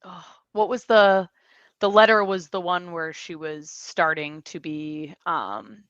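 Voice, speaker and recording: A woman's voice: on the low side, slow pace, fairly bright tone, no room sound. Young American woman, podcast co-host; casual, rambling, laughs a lot; dull lo-fi audio. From United States. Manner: chatty, laughs often, rambling asides. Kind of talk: casual chat.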